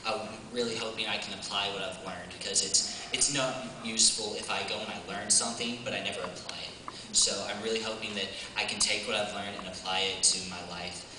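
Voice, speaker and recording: A man's voice: lowish voice, steady tone, a little fast, noisy background. A young man giving a casual, hesitant talk with many fillers, then performing a spoken word poem with rising intensity. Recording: echoey hall from far off, faint ambience.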